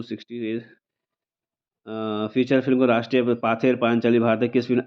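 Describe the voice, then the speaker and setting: A man giving an informal exam paper review as a coaching teacher, chatty and repeating a filler. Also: mid-range voice. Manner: conversational, repeats "ठीक है ना" as a filler. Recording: dull lo-fi recording.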